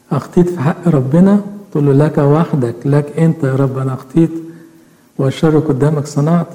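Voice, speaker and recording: A man with an Egyptian Arabic accent preaches a sermon, earnestly questioning his listeners directly. His voice is a little high with a dark tone, recorded in an echoey hall with long reverb.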